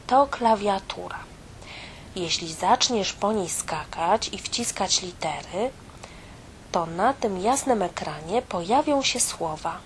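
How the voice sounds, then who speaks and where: A woman's voice: on the low side, a little hiss or hum. A woman voicing a helpful, motherly female computer mouse in a storybook tale, reassuring and instructive.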